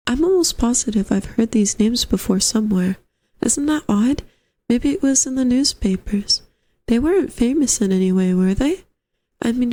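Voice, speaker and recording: A woman's voice: a little high, mellow, close to an everyday voice. A woman voicing a genteel, fussy landlady in a story, with a dainty, coaxing and doting manner. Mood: pleasantly musing. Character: genteel, fussy, sweetly insistent middle-aged landlady. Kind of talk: storybook character voice.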